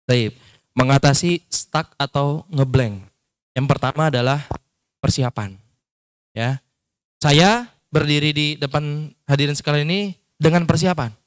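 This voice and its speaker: A man's voice: on the high side, unhurried, long pauses, clear, resonant tone, no room sound, clean studio sound. A man teaching public speaking to a group in a casual workshop lecture, explaining points and demonstrating tones with his voice. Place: training session at an Islamic school.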